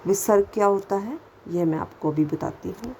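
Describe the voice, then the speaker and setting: A woman's voice: medium pitch, moderate pace, darkish tone, a little hiss or hum, rough recording. A woman teaching a first-grade lesson to children, speaking patiently, repeating sounds and asking questions as she goes. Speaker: Hindi teacher.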